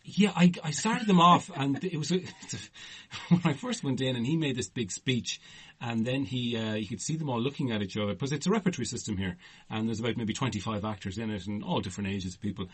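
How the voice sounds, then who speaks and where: A man's voice: mid-range voice, quick pace, husky. A man, co-hosting a podcast and telling a long rambling anecdote in casual chat. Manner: rambling anecdotal storyteller, laughs often. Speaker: podcast host.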